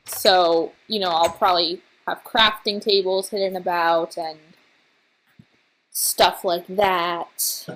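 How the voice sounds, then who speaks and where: A woman casually commenting on her own gameplay, tired and recovering from being sick, rambling and halting as she trails off and restarts her thoughts. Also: on the low side, steady tone, fairly bright tone, rough recording. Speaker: let's play host.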